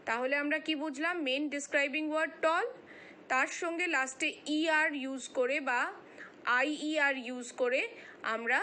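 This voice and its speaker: Woman teacher, high voice, faint hiss behind, online grammar class. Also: bright, forceful tone. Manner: slow, deliberate explaining, reading English lines aloud word by word.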